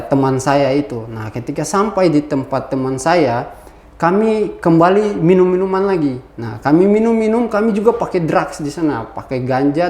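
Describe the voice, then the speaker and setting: Animated man telling his story. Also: a little high. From Ambon. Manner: animated, acts out quoted voices. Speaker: interview guest. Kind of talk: personal testimony storytelling. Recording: echoey room.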